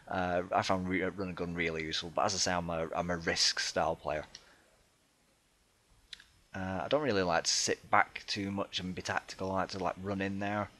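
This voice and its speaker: A man with a somewhat low voice walks through a strategy game in casual commentary. He talks hesitantly, filling gaps with ums and restarting sentences. He pokes fun at himself in a chatty, easygoing way. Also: flat delivery, normal speed, bright, forceful tone. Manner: self-deprecating and chatty. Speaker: let's play gamer.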